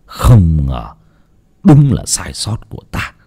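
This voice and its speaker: A man's voice: huge pitch swings, warm tone, slightly rough, exaggerated voice. A man doing a grave elderly exorcist. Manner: low, grave, measured. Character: calm elderly male exorcist master, grave.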